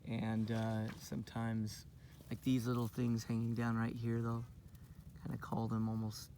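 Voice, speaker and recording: A man's voice: mid-range voice, monotone, a little slow, warm tone, recorded from a distance, slight background noise. A man giving a casual outdoor nature lesson for kids on his lawn, friendly and rambling with lots of fillers. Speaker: outdoor education teacher.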